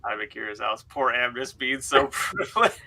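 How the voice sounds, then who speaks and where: A young adult man, an author hosting a read-along livestream from a room at home, reads out comments and banters jokily, laughing through his words and swearing. His medium-pitched voice is animated, gravelly, pushed and bright, at a moderate pace.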